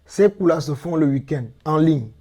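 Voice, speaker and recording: The guest is a middle-aged man from Cameroon, a language teacher, responding in an interview with patient, measured explanations. He leans on repeated key phrases for emphasis, and his voice is warm and mellow, slightly higher than typical for a man.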